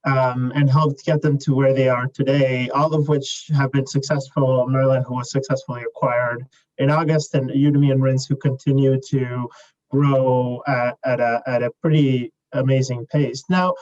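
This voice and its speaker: A young adult man from Chile, a startup CEO answering interview questions in a measured way, with many fillers and restarts. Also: mid-range voice, little pitch movement, a little mellow, lo-fi sound.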